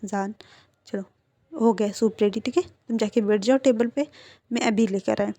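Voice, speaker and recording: A woman's voice: a little high, moderate pace, warm tone, dry recording, natural voice. A woman voicing a doting, teasing young man who coaxes his partner patiently. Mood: tender. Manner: coaxing, patient.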